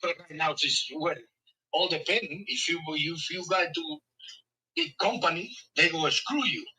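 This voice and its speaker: A man's voice: fairly high pitch, measured pace, bright, forceful tone, far from the mic. An older man from the Dominican Republic, selling a property on a phone call, speaking in broken English with short firm refusals. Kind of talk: casual phone negotiation.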